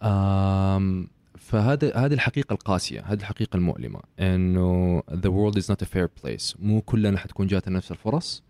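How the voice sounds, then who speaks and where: A man talks quickly and emphatically, like he is giving a lesson. He scatters English phrases and "okay" through a relaxed interview. His lowish voice is recorded close and dry, with no room sound. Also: clear, resonant tone, no echo. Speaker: author and podcast guest. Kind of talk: casual conversational interview.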